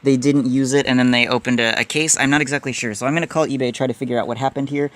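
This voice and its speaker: A man's voice: medium pitch, fairly even intonation, fast talker, a bit bright. A man casually talking viewers through a customer support phone call as an online seller. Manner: casual, talks plainly to viewers between prompts.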